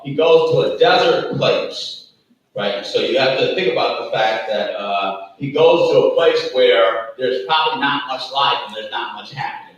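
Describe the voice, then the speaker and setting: A man's voice: mid-range voice, highs cut off. A man as pastor, preaching a sermon with a folksy manner, often saying "Amen" and chuckling between points. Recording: echoey church room from far off, faint background noise.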